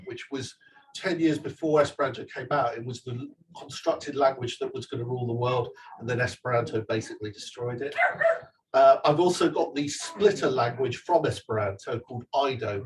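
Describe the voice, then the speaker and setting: At a live event with an audience, a man who is the author gives a talk and takes questions, speaking casually and digressively with lots of fillers and restarts. His voice is mid-range, but the mic is distant and the audio is poor, with a little hiss or hum.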